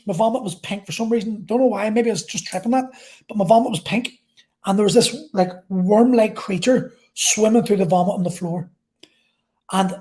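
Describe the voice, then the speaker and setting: A woman vlogger telling an intense personal story in a halting way, repeating phrases and swearing. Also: mid-range voice, darkish tone.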